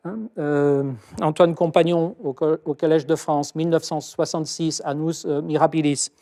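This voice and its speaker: A middle-aged man, a literature professor, giving a lively lecture with ironic asides and frequent hesitations. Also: fairly high pitch, moderate pace.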